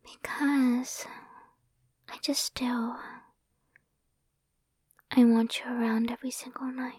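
A young woman whispers close to the microphone in an intimate ASMR roleplay, sweet and affectionate. Her voice is breathy and mellow, a little high, and she speaks slowly and evenly. The sound is dry, with no room around it. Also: level tone, no room sound. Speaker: ASMR performer. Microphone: close sensitive microphone.

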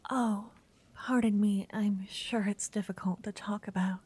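A woman's voice: mid-range voice, fairly even intonation, unhurried, slightly rough. A woman whispering as a shy young noblewoman. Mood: nervous whispering. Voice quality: soft whisper. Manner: hesitant, stammering. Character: shy, nervous young noblewoman meeting her betrothed. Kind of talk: whispered ASMR roleplay.

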